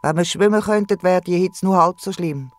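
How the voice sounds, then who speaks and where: A man's voice: high-pitched, moderate pace, pitched above the performer's own voice, close to an everyday voice. A man voicing an anxious, guilt-ridden male wombat in a Swiss German children's radio play, with a Swiss German accent. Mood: glum. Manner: fretful and wailing.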